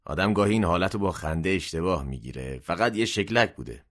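A man's voice: low voice, lively intonation, a bit bright. A man playing a bald, irritable middle-aged shopkeeper in a narrated story. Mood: matter-of-fact. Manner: curt, irritable.

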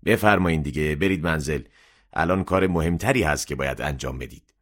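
A man's voice: rumbling low, a bit bright. A man playing a bald, irritable middle-aged shopkeeper in a narrated story. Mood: annoyed. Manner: curt, irritable.

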